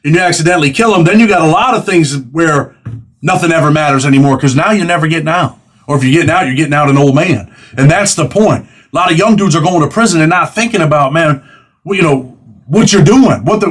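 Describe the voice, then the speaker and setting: With a somewhat bright, slightly high voice, the host, a man in his forties, runs a casual interview at a fast clip, sounding conversational and street-smart in his slang.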